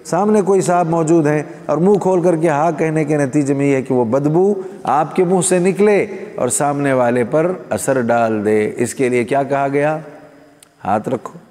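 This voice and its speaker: A man's voice: a little high, mellow. A man preaching a sermon to a live gathering, asking rhetorical questions and speaking directly to the audience. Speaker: Islamic preacher. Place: gathering hall. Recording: long hall reverb.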